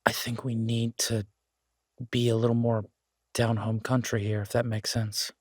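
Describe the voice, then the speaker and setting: In an audio roleplay, a man plays a laid-back, down-home chef who owns a restaurant, speaking in a casual, folksy, comforting manner that feels relaxed and affectionate. His mid-range voice has little pitch movement, a normal pace, and a darkish tone. The recording is natural, echo-free, and of studio quality.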